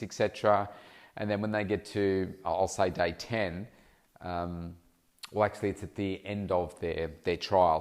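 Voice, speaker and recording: A middle-aged man with a somewhat low, hay-fever-nasal voice talks loosely through his solo podcast as a weight loss coach. He muses aloud and keeps stopping mid-sentence to correct himself.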